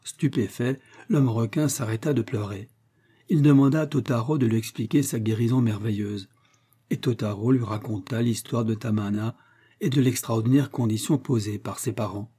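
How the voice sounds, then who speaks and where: Husky-voiced man reading a tale. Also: mid-range voice, dark tone. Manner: measured, literary narration. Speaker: narrator. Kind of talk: storybook reading.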